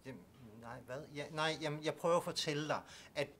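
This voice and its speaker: A man's voice: on the high side, fairly bright tone, lightly acted. Man playing a stammering, exasperated patient. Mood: distressed. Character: distressed man with obsessive thoughts seeking new medication. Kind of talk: student film acting.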